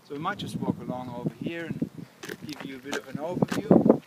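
A man in his thirties with an Australian accent, a council project manager giving a relaxed walkthrough outdoors with many ums and restarts. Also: on the high side, fairly quick, heavy background noise. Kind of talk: casual on-site walkthrough. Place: outdoors at a construction site. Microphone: lapel mic.

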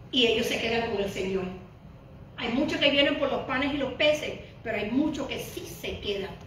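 A woman preaches a fervent Pentecostal sermon in a high, bright voice. She swings from loud emphatic bursts to hushed, prayerful asides, dotted with hallelujahs. The mic sits far off in a strongly echoing church hall. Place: church sanctuary.

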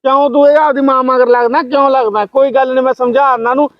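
A man's voice: extremely high pitch, steady tone, fast talker, dry recording, lo-fi sound. An actor playing an older rural grandfather who keeps soothing his quarrelling family. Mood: calming, weary. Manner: soothing, repeatedly brushing off quarrels. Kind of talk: home-made family drama skit.

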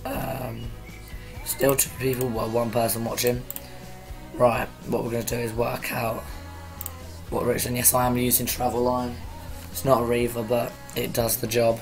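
A man with a croaky voice casually talking to viewers on a live stream, rambling as he sets things up. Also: medium pitch, completely flat delivery, moderate pace, music in the background. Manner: rambling, chatty, addressing viewers.

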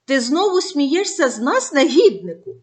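A woman voicing a group of grumbling village shepherds in a storybook tale, gruff and scolding. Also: sits high, sing-song, normal speed, voice pushed up. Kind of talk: storybook voice acting.

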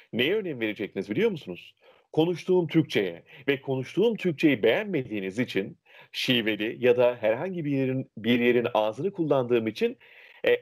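Lively-voiced man explaining diction. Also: medium pitch. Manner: lively, illustrative, imitates dialect speech. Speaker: diction instructor. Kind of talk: explanatory interview answers.

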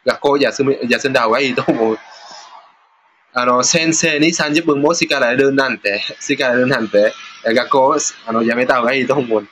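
A man teaching a casual lesson over test questions, chatty, pausing with filler sounds and reading example sentences aloud slowly. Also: medium pitch, a bit bright, a little hiss or hum. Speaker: Japanese teacher.

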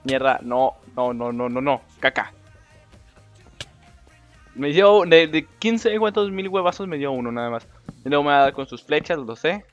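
A young man with a Mexican Spanish accent giving casual commentary over a game, excitable, swearing and talking to the other players. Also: a little high, moderate pace, pauses often. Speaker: gameplay commentator. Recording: dull lo-fi mic with faint game music.

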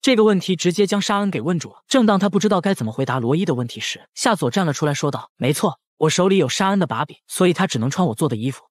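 A man narrating a comic story recap in a brisk, playful way. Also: a little high, dry recording, clean studio sound.

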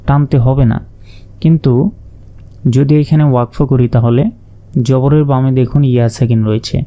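A man's voice: mid-range voice, warm tone. A man teaching Quran reading, spelling out letters and vowel marks patiently, stretching sounds in his examples. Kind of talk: step-by-step spelling lesson.

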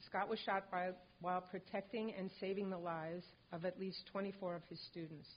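A mother accepting a hall of fame honor for her late son, an older woman, reads a prepared tribute speech at a lectern on a stage in a large indoor hall. Her delivery is calm, measured, and composed, with a fairly low pitch. The lectern microphone yields a dull lo-fi hall recording with slight background noise.

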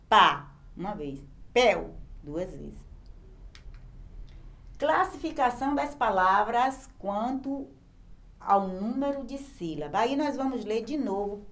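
A Brazilian woman teaching young children from home speaks slowly and patiently. She sounds out each word syllable by syllable in a mid-pitched voice. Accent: Brazilian Portuguese. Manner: slow, patient, syllable-by-syllable explaining. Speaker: primary school teacher. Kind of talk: remote classroom lesson.

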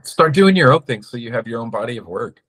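A man speaking as a guest in a casual online chat over a video call, relaxed and full of fillers. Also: medium pitch, fast talker.

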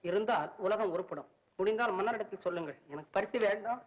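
A man's voice: fast, noisy background, lightly acted. An actor playing a poor, anxious male poet in a 1960s film, whining and frantic. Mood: cheeky. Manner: frantic, whiny, jumps between high and low. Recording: dull old film soundtrack.

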